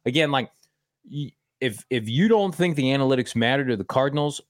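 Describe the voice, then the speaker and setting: Male American sports show host, medium pitch, emphatic delivery, dry recording. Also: animated, a little fast, no echo. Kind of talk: sports talk, reading ads and viewer messages.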